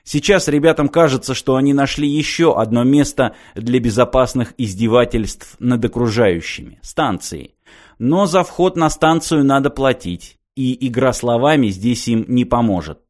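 A man's voice: medium pitch, lively intonation, darkish tone, close to an everyday voice. A man voicing a cool, ironic hero. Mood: calm. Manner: polite, cool, measured. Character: calm ironic man, coolly provoking bullies.

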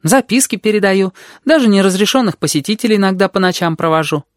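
A reader voicing a bold, chatty red-haired girl who lectures quickly and jumps between topics. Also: mid-range voice, animated, no echo, studio quality, voice pushed up, natural voice. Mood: bossy. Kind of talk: audiobook character voice.

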